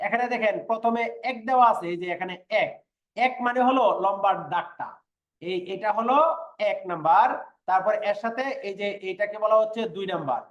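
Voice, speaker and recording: High-voiced man teaching in an echoey room. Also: a little fast, muffled recording. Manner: patient, repeats sounds and asks if students follow. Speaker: Korean language teacher. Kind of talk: online class lecture.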